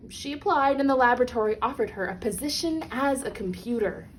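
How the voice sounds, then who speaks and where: A woman reads a picture book aloud to children in a fairly high, animated voice, phrasing deliberately and stressing key words for her young audience. The recording has a clearly noisy background behind her.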